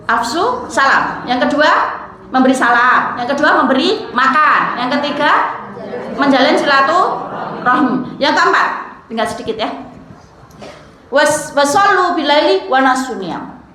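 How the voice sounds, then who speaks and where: A woman's voice: high-pitched, bright, forceful tone. A woman giving a sermon to a women's study group, telling stories in a chatty way and often addressing her listeners as "Bu". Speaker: female Islamic preacher. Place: hall in front of an audience. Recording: very echoey hall, faint background noise.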